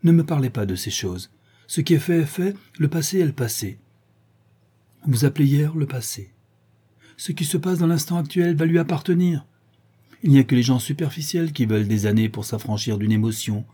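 A detached young aesthete speaks with languid self-assurance, read by a man. The tone is dark and mellow with a husky edge, lifted a little above the reader's usual pitch. It sounds like an audiobook character. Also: moderate pace. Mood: pleading.

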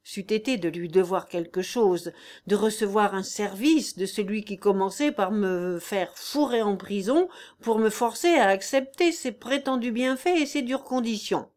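A woman's voice: mid-range voice, expressive, measured pace, darkish tone, close to an everyday voice. A woman reading the part of an old, proud, hearty peasant carpenter man in an audiobook, in an emphatic, exclamatory manner.

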